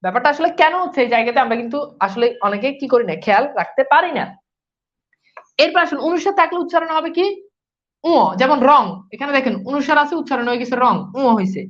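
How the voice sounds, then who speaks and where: Woman teacher, quick high voice, live online class, quizzes her students and answers herself, dull lo-fi sound. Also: animated. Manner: asks questions and answers them herself; repeats key points.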